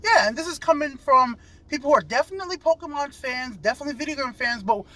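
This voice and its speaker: With a very high, pushed and bright voice, the man reviews a movie at a quick pace, animated, enthusiastic and rambling in a casual video style. Noisy surroundings with vehicle sounds are behind him.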